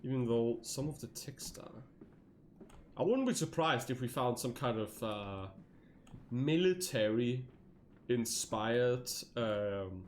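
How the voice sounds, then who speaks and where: Rambling male streamer, lively pitch. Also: slow pace, slight background noise. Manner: rambling, laughs often, jumps to high yelps. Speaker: streamer playing a horror game. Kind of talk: casual gameplay commentary.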